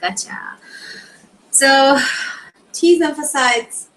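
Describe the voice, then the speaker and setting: A woman's voice: high voice, very slow, fairly bright tone, slight background noise, poor audio. A young woman reviewing exam questions, reading answer explanations aloud and muttering short asides to herself as she works them out. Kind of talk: thinking aloud while studying.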